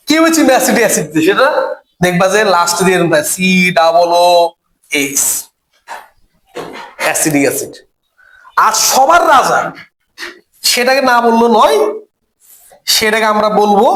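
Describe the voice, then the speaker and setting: A man with a high, somewhat bright voice teaches a chemistry class in an echoey room. He keeps quizzing his students and repeats each key term for emphasis throughout the lecture.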